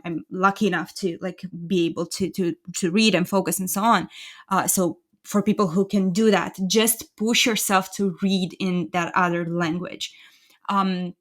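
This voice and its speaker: A woman's voice: medium pitch, a bit bright. A woman from Romania with a Romanian accent, a native Romanian speaker, talking as a guest on a podcast in a thoughtful, self-deprecating way and chuckling as she goes. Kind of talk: casual conversational interview.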